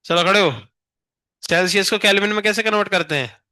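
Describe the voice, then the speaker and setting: A male teacher with an Indian accent quizzes his class in a high, sharp voice, teasing students who stand up to answer. The sound is close and dry, with no room echo. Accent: Indian English. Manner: questions students rapid-fire, teasing. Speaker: physics teacher. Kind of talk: classroom lecture with questioning.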